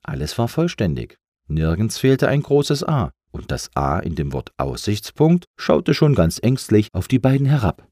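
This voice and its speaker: Expressive male storyteller, low mellow voice. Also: unhurried, few pauses, no room sound, studio quality. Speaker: narrator. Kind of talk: children's story reading.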